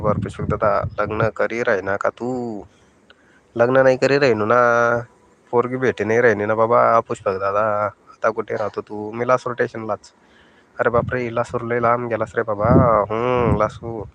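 A man's voice: medium pitch, lo-fi sound, background noise. A young man, chatting casually on a phone live stream from a brick kiln and greeting viewers by name. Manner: easygoing, greets viewers by name, repeats phrases. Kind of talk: casual live-stream chat reading comments.

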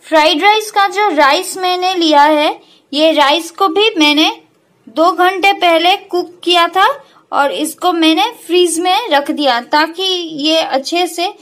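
Woman, cooking tutorial, high-pitched, slow, chatty, home kitchen. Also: a bit bright, poor audio. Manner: chatty, addresses viewers as friends. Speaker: cooking channel host.

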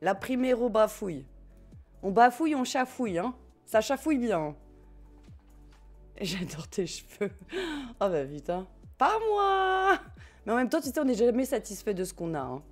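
Her mid-range voice is expressive with a darkish tone, moving at normal speed but broken by long pauses. She's a French woman streaming a game with music behind her, giggling, chatting, swearing loosely and talking to her viewers.

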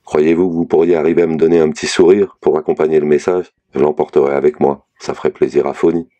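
A frank, matter-of-fact lawyer, read by a man with an extremely deep voice and a dark, mellow tone. He lays out bad news in measured, level sentences, in a storybook reading. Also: flat delivery. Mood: reassuring. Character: lawyer, middle-aged man, blunt and candid.

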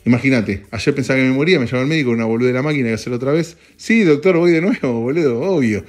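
A man's voice: medium pitch, very fast. A young man with an Argentine accent, chatting casually and rambling for his podcast while standing in an office. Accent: Argentine Spanish. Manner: rambling, joking, swears casually, jumps between topics. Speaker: podcast host. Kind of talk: casual voice-note chat.

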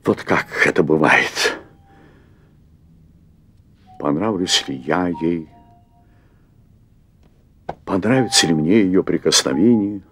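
A man's voice: sits low, takes it slowly, long pauses, a bit bright, slight background noise. An actor in his fifties playing a nervous middle-aged restaurant owner who confesses at length, hesitating and repeating words, in a stage play recorded for television. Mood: confessional. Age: 50s. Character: anxious middle-aged man, restaurant owner craving adventure. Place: theatre stage set as hotel room.

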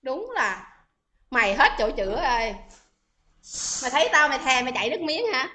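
High, bright woman, taunting livestream rant. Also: very animated, brisk. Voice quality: scolding, taunting, repeats questions. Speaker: livestream host. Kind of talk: heated livestream arguing with commenters.

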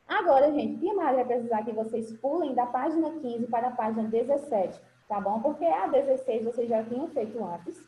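A woman's voice: fairly high pitch, animated, a little fast, hardly any pauses, mellow, slight background noise. A woman teaching English to young children over a video call, patient and affectionate, often calling them "my love" and checking that everyone is following. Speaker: primary school English teacher. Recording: roomy video-call audio, faint ambience.

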